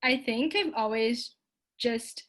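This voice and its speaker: Her voice sits a little high and fairly bright, and she speaks slowly. This young woman from Canada is answering questions during a relaxed online talk, peppering everything with likes and ums while staying cheerful and sincere.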